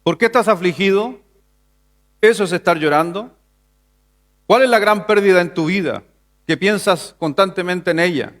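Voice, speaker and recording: A Chilean pastor preaches a Sunday sermon in a church sanctuary at normal speed, with long pauses and a fairly bright tone. He asks the congregation rhetorical questions and builds to emphatic passages, his pitch rising.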